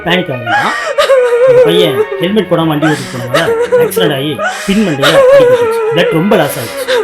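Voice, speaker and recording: A calm, patient doctor, played by a man, reassures gently and keeps checking that he is understood, his voice moving up and down freely. Loud music runs under the film track. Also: high voice, a little fast. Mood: grave. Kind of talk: short film acting.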